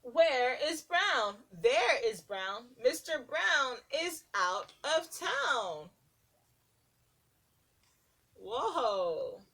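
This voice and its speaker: With a high voice, a woman preschool teacher reads a rhyming picture book to young children, sounding sing-song, expressive, and deliberate.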